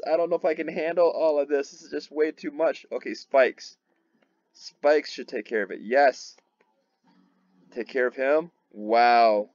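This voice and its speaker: A man's voice: mid-range voice, a little mellow, dry recording, lo-fi sound. A man hosting his own gaming channel, commenting on his gameplay with eager energy and repeating words when thrilled. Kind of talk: excited game commentary.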